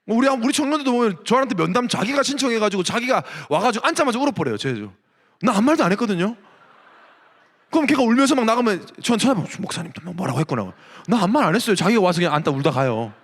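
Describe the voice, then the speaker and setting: A man's voice: high-pitched, fast talker, in a large hall. A male pastor preaching a sermon to young adults, telling stories and firing off rhetorical questions. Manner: animated storytelling with rhetorical questions. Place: church sanctuary.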